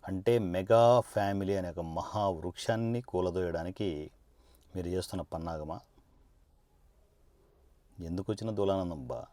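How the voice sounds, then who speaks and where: Facing the camera, a male politician in a low, mellow voice gives a sarcastic, combative monologue of confrontation, firing one rhetorical question after another. He speaks a little slowly with long pauses, and the recording is dry.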